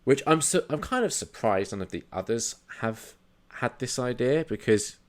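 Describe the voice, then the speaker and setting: A man's voice: medium pitch, big pitch swings, moderate pace. A man co-hosting a casual film podcast, easygoing, agreeing often and walking through plot points. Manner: easygoing, lots of agreeing yeahs, explains plot step by step. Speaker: podcast co-host.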